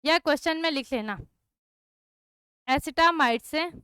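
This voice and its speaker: Young female chemistry teacher, crisp bright tone, dry close sound, keeps asking if it's clear. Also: high-pitched, a little slow, no room sound. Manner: repeats checks like "clear?" and "okay" to students. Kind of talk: online class lecture.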